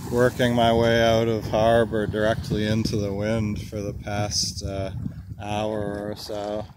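A man narrating casually while sailing a small boat, talking in an unhurried way with many filler pauses, recorded outdoors at sea on a boat-mounted camera. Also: fairly low pitch, completely flat delivery. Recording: wind and water noise outdoors. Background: wind and water noise.

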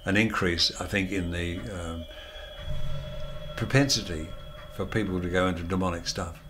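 An older man in his seventies giving a measured, earnest documentary interview. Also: deep voice, steady tone, fairly bright tone, a little hiss or hum. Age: older, about 70s. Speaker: exorcist interviewee.

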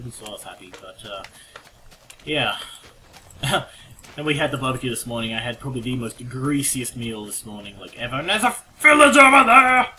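A chatty man rambles through casual game commentary at an ordinary pitch, breaking into sudden excited yelps. The home recording is noisy, with keyboard clicks rattling behind him. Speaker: let's play commentator. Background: keyboard typing and clicks.

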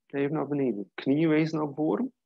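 A man guiding a yoga class, calmly cueing breath and posture in a steady way. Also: fairly high pitch, normal speed, gravelly, no room sound, phone-quality sound. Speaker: yoga teacher. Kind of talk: guided yoga class instruction.

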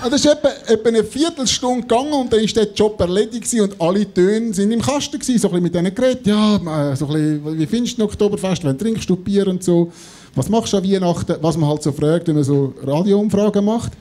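A man in his thirties with a high voice and a Swiss German accent tells a comic anecdote live on stage. He is an animated storyteller who acts out both sides of conversations, speaking close into the microphone. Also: quick pace. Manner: animated storytelling, acting out dialogue. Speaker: comedy show panellist. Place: on stage in a theatre before an audience. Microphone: handheld or stand microphone held close.

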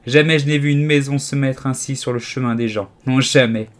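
A man's voice: a little high, expressive, moderate pace, voice pushed up, lightly acted. A man voicing a curious, polite little girl in an audiobook, eager and full of questions.

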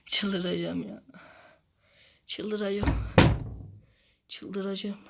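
A man playing a football video game, swearing constantly and repeating the same phrases in frustration, switching between low muttering and sudden shouts. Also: flat delivery, very slow, gravelly, a little hiss or hum. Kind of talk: casual gameplay commentary.

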